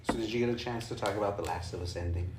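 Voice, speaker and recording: A man's voice: lowish voice, rapid-fire, darkish tone. A man hosting a podcast in a casual, chatty style. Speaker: podcast host. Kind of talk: casual chat, showy announcing. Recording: roomy echo with background noise.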